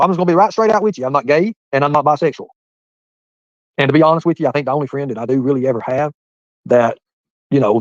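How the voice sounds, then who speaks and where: Fast-talking man in his forties. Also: fairly high pitch, no echo, muffled recording. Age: 40s. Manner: rambling, talks straight to viewers by name. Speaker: livestreamer reading chat. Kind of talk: casual live-stream chat.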